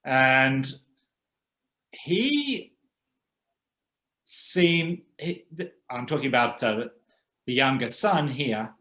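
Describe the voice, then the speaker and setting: Male co-host, measured and halting delivery, roomy sound. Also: medium pitch, expressive, pushed and bright. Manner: thoughtful, hesitant with frequent "uh" pauses. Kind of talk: casual conversational chat. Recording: roomy echo.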